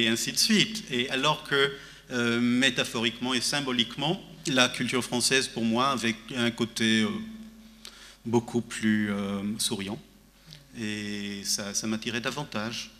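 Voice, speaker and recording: At a literary festival, a male panel guest speaks thoughtfully in a bright, forceful, mid-range voice, using many fillers and restarts. The panel discussion is recorded in a reverberant hall.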